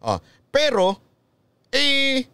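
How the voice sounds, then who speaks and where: A man's voice: very high voice, wildly swooping pitch, very slow, bright, forceful tone, clean tone. A man from the Philippines giving opinionated political commentary in a vlog, mocking and lecturing, chuckling often and switching into English. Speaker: political vlogger.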